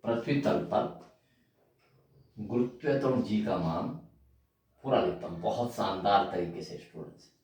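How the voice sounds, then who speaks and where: A man teaching physics in a lively classroom lecture. His pitch rises and falls widely as he keeps calling out to his students and repeats terms while writing them up. The voice sits far from the mic in a room with a heavy echo. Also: measured pace, pauses often.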